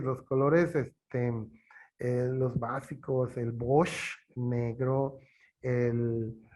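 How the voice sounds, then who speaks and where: Man, Yucatán Spanish accent, teacher, slightly high voice, unhurried, hesitant fillers. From Yucatán, Mexico. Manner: slow, halting, with many fillers. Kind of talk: explaining in an interview.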